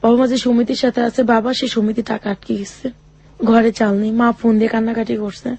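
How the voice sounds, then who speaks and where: This slightly high-voiced woman is a guest in an interview, sharing her difficult life story. She speaks in an earnest, hesitant way, often quoting people's words to her, and her darkish tone barely shifts in pitch.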